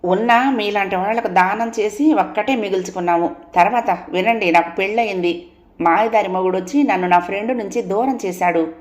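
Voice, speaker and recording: A woman voicing a bold, talkative young wife who scolds and teases in a quick, playfully bossy way. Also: medium pitch, close to an everyday voice. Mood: scolding. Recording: roomy echo.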